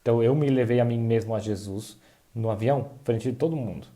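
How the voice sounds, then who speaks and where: A man giving a dubbed voice-over of a personal testimony, talking in a halting way with restarts and self-corrections. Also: medium pitch, mellow. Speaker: voice-over interpreter dubbing a testimony.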